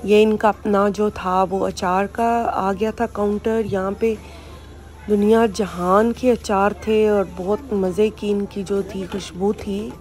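Soft music plays behind a Pakistani woman vlogging her supermarket trip on her phone, where she casually describes products and prices indoors. Her voice is mid-range and a little mellow, with little pitch movement and a slow pace.

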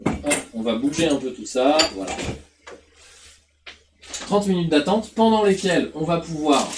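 A man in his thirties from south-east France, with a faint southern French accent, chats and rambles casually with lots of fillers while streaming live cooking through a headset mic. His voice is a little high, expressive, and a bit slow. He's in a home kitchen and small room, with background noise.

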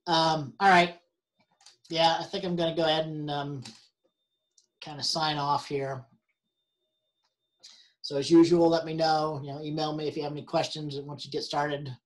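A man teaching an online help session, halting with many fillers and restarts, and losing his voice. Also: fairly high pitch, flat delivery. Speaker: university instructor.

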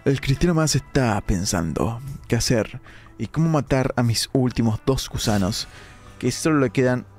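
A young man, hoarse from a sore throat, giving animated live-stream gameplay commentary with dramatic outbursts. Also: medium pitch, moderate pace, faint music behind. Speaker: gaming streamer.

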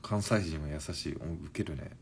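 A man in his forties chatting on a live stream and reading viewer comments, in a languid, drowsy-sounding, unhurried way. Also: very deep voice, a little mellow, a little hiss or hum. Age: 40s.

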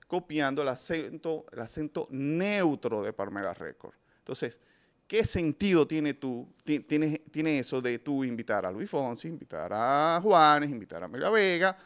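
A man with a slightly raised pitch delivers opinionated film commentary as a show host. He speaks emphatically and addresses his audience directly. He often stumbles and restarts mid-sentence.

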